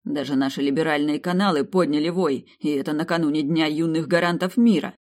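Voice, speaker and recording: A man voicing a young male emperor who scolds his ministers with slow, sarcastic rebukes in an audiobook. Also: fairly high pitch, fairly even intonation, natural voice. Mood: cold anger. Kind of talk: audiobook character voice.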